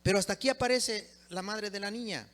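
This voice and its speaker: Impassioned preacher, bright voice. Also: male voice, brisk. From Mexico. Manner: impassioned, swings from loud emphatic peaks to low quiet drops. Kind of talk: sermon.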